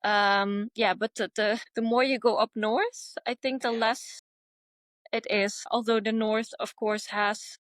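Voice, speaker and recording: A woman's voice: on the high side, steady tone, a little slow, a bit bright, dry recording. A woman in her thirties from the Netherlands, a guest chatting casually with lots of fillers. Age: 30s. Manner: chatty, many fillers like um and yeah. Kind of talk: casual interview chat.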